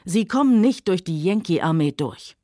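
A woman reading a novel aloud, voicing a worldly, sardonic Southern gentleman who speaks coolly and mockingly. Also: on the low side, animated, moderate pace, dry recording, clean studio sound, lightly acted. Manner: sardonic, cool, later soft and soothing.

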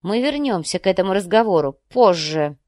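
A woman's voice: medium pitch, animated, moderate pace, no echo, clean studio sound, close to an everyday voice. A woman reading the part of a spoiled, cutting young wife, mocking and capricious.

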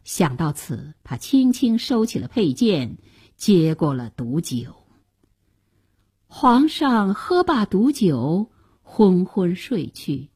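A woman narrating a traditional tale in a dramatic, expressive storytelling manner for broadcast. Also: fairly low pitch, slow pace, breathy edge.

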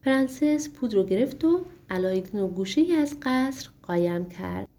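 Mellow-voiced woman reading a storybook. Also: medium pitch, lively intonation. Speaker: audiobook narrator. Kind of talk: storybook narration.

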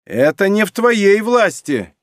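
A man voicing a tall, strong farm wife who is furious and fierce, shouting threats. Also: sits high, big pitch swings, takes it slowly, no echo, studio quality, pitched above the performer's own voice, full character voice. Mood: accusing.

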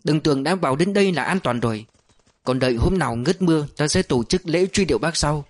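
A man narrating an audiobook voices a composed male officer giving firm, steady instructions. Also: on the high side, fast talker. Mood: stern.

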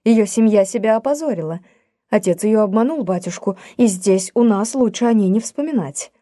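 A woman reading a spiteful young society lady in an audiobook, speaking in a hurried, curt way. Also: mid-range voice, lively intonation, warm tone, no echo, clean studio sound, lightly acted. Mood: cold.

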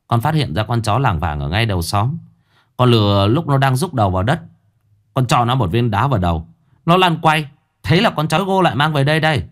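A man voicing an eager, cocky young elder son who boasts quickly, in a spoken ghost story. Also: medium pitch, sing-song, lightly acted. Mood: boastful.

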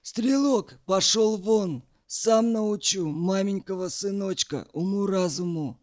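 A man voicing a gruff, weary old tunnel boss who barks orders and lectures. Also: high-pitched, slow, a little mellow, pitched above the performer's own voice. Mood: barking.

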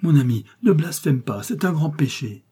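A man voicing a gentle, pious peasant wife who pleads softly in an audiobook reading. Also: medium pitch, moderate pace, breathy edge, close to an everyday voice. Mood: anxious. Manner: soft, imploring.

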